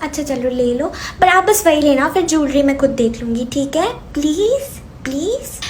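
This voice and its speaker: High-voiced woman in a bickering sketch. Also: animated, normal speed, darkish tone, a little hiss or hum. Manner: pleading, playful bickering. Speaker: comedy sketch creator. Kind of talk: comedy sketch acting.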